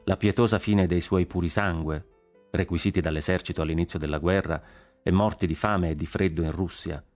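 A man narrating a literary story in a measured, expressive reading. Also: deep voice, faint music behind.

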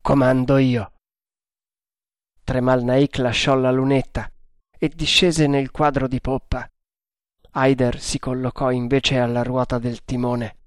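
A man reading an adventure novel aloud in a measured, deliberate narration. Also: medium pitch, flat delivery, clean tone, no echo, studio quality.

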